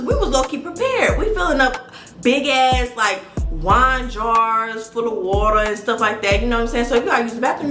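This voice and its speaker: Young woman doing a storytime, fired up and swearing, talks to y'all, roomy echo with music playing. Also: a little high. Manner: animated, profane, talks straight to viewers. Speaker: vlogger. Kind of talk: casual storytime. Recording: echoey room with music behind.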